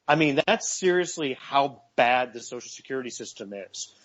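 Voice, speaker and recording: A man in his forties co-hosts a laid-back radio talk show, sounding earnest and repeating words while he works through his points. His voice is medium-pitched, animated and fairly bright, at a moderate pace, and the audio is lo-fi.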